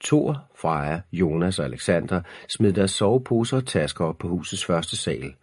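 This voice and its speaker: Deep husky male audiobook narrator. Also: sing-song, dry recording, studio quality. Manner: measured, ominous storytelling.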